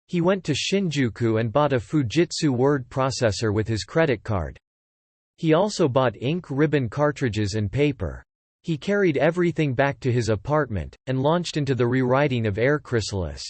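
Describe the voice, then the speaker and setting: This is scripted audiobook narration by a man whose intonation is lively and varied. His middle-pitched voice moves at a moderate pace and is recorded close and dry, with no echo.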